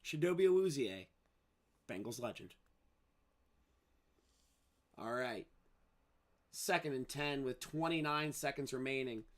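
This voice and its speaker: A man's voice: medium pitch, normal speed. A man streaming live play-by-play commentary on a football game, calling each play and dropping casual, sarcastic asides.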